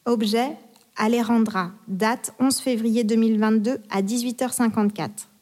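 A woman reading out email dates and subject lines in a flat, matter-of-fact way. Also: a little high, normal speed. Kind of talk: announcing email headers.

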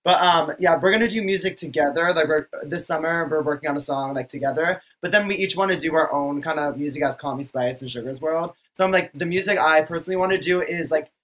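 A man's voice: a little high, quick pace, hardly any pauses, a bit bright. A man who is a drag queen, chatting breezily and campily as a podcast guest. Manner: breezy and campy, with restarts. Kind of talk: casual interview chat.

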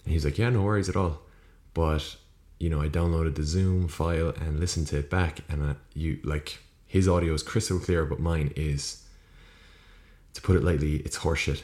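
An Irish man with a very low voice hosts a solo podcast from a small indoor room, speaking into a USB podcast mic at a moderate pace. His intonation stays flat as he rambles, corrects himself, and swears offhandedly, while the echoey room gives poor acoustics.

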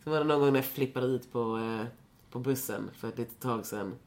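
A woman's voice: a bass voice, darkish tone. A young woman in casual chat as a podcast guest, rambling with many fillers and swearing freely.

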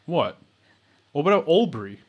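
An Australian man with vocal fry co-hosting a podcast in casual, jokey, sweary banter. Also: fairly high pitch, sing-song, normal speed, highs cut off. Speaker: true crime podcast co-host.

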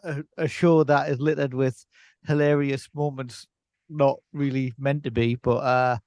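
A man's voice: medium pitch, level tone, a little slow, a little mellow, dry recording, studio quality. A man co-hosting a casual podcast chat, laid-back and rambling, laughing often. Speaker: podcast co-host.

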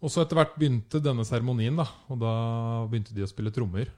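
A man telling a travel story in casual conversation, animated and acting out the people he quotes. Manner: animated, acts out quotes with rising pitch.

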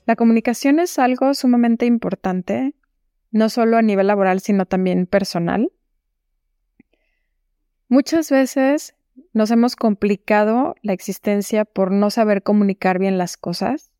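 A woman hosting a solo advice podcast. She explains calmly and speaks directly to the listener. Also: mid-range voice, dry recording, clean studio sound. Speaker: podcast host.

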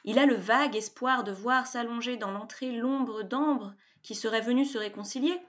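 A woman narrating a children's story in a playful, expressive way. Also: a little high, normal speed.

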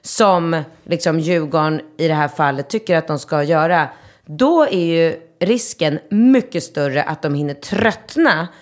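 A woman in her thirties from Sweden, co-hosting a casual chat and telling stories with animated, loud acted-out quotes. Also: low voice. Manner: lively storyteller, acts out quotes loudly. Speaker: podcast co-host.

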